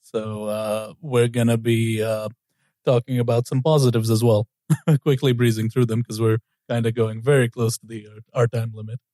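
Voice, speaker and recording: A man co-hosting a casual podcast, chatty and easygoing, with frequent little laughs. His voice is mellow and dark-toned. The sound is dry and close, with no room in it. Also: medium pitch, moderate pace, no room sound. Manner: laughs often, relaxed and chatty. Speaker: podcast co-host.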